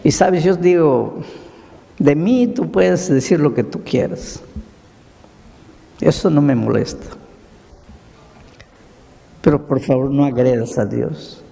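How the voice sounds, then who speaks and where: A pastor preaches a sermon in a large hall, telling a story slowly and dramatically with repeated lists and rhetorical questions. His voice is a man's, a little high, gravelly and dark in tone.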